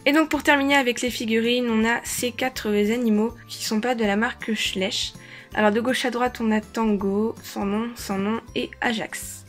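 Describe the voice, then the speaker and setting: A woman's voice: fairly high pitch, fairly even intonation, normal speed, soft background music. A woman vlogger in an indoor room, chatting casually as she lists her collection, with frequent hesitations. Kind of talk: casual show-and-tell. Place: indoor room shared with siblings.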